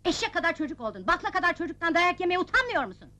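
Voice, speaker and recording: An actress playing a shrill, quick-tempered older landlady who berates her tenants and their children. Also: very animated, pushed and bright, heavily acted. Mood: scolding. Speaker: landlady character.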